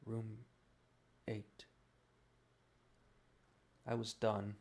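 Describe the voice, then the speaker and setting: A man narrating a scripted first-person horror story in a grave, haunting manner, with dramatic pauses. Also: fairly low pitch, completely flat delivery, creaky, a little mellow, slight background noise. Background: guitar music.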